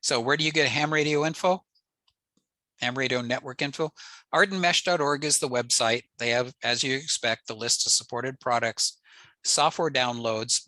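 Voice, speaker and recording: Presenting slides on a video call from indoors, this older American ham radio hobbyist keeps things casual, technical and plain-spoken. His mid-range voice is bright and forceful, captured in a dry but low-quality recording.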